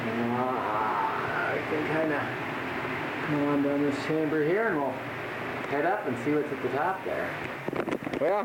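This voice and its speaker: A man giving casual, halting commentary on an exploration video, recorded with a cave echo in an underground tunnel. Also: mid-range voice. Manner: halting, trailing off mid-sentence. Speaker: expedition narrator filming the trip. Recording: echoey underground tunnel, clear background noise.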